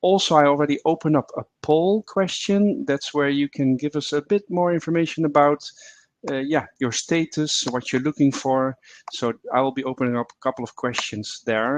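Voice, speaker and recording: Man moderating a webinar over video call. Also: mid-range voice. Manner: friendly, loose, with many fillers and restarts.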